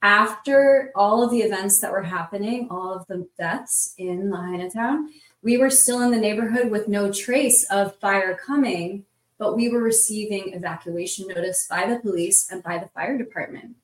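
A woman's voice: mid-range voice, normal speed, far from the mic. Woman telling a story, off-mic in a roomy space. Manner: vivid, breathless retelling with many "like" fillers. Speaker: roundtable guest. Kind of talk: casual storytelling.

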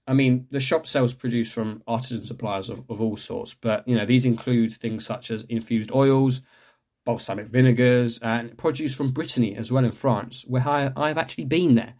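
Rambling young podcast host. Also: male voice, medium pitch, darkish tone. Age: young adult. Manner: rambling, chatty, self-correcting with many fillers. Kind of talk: casual podcast chat and local news reading.

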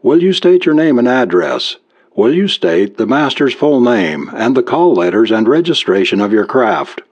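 A man's voice: mid-range voice, expressive, moderate pace, a little mellow, husky. A man voicing a stern, bureaucratic male coast guard radio operator. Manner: stern, clipped radio protocol. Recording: dull lo-fi recording.

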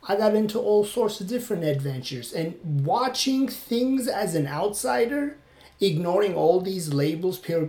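Out on a run, a man from Turkey who hosts a podcast and does comedy talks casually to listeners, wandering between thoughts and filling gaps with many fillers. His voice sits high and mellow in a roomy-sounding recording.

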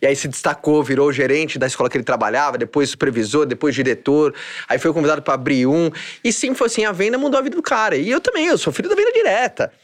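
A man with a Brazilian Portuguese accent, chatting casually and telling stories in an animated, slangy way. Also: a little high, quick pace. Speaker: podcast guest. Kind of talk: casual chat.

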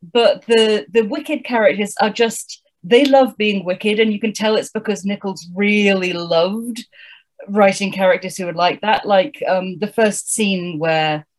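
A woman's voice: mid-range voice, measured pace. A woman co-hosting a casual book-chat podcast, wry and thoughtful, reading passages aloud with relish. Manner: thoughtful, wry, lively reader. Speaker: podcast co-host.

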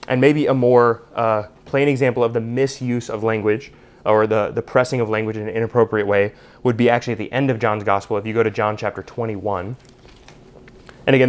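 A man's voice: medium pitch, fairly even intonation, fairly quick. A man teaching a Bible study class in a conversational way, with lots of "you know" and "uh". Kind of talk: unscripted teaching talk.

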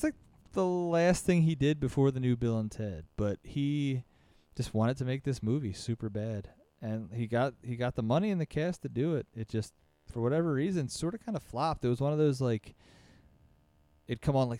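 A man chatting casually about movies, lively and swearing freely, often trailing off and restarting. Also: mid-range voice, no echo.

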